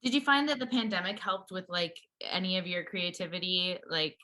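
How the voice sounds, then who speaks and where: A woman's voice: fairly low pitch, normal speed, sharp tone. A woman interviewing a musician, effusive and encouraging. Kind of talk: casual interview.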